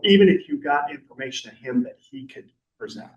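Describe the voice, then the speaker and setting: A man chairs a council meeting in a casual, talkative way, rambling and joking lightly. His voice is a little high and fairly quick, picked up by a distant mic in an echoey room with dull audio.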